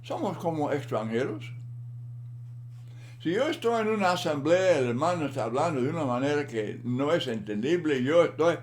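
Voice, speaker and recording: Man, Bible lesson sermon, deliberate, repeats for emphasis, fairly high voice. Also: big pitch swings, a little hiss or hum. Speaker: Bible teacher.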